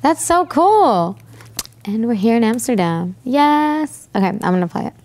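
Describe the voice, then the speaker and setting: A woman's voice: on the high side, very animated, unhurried, a little mellow, a little hiss or hum. Bubbly young woman chatting casually. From United States. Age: young adult. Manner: bubbly, chatty, laughs often, many fillers. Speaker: guest pop singer. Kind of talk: casual interview reactions. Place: studio with green and purple backdrop. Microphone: lapel.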